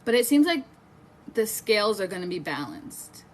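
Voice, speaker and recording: A woman's voice: medium pitch, sing-song, normal speed. A woman in her twenties giving a casual, chatty tarot reading on a live stream, swearing freely and talking to her viewers. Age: 20s. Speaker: tarot reader.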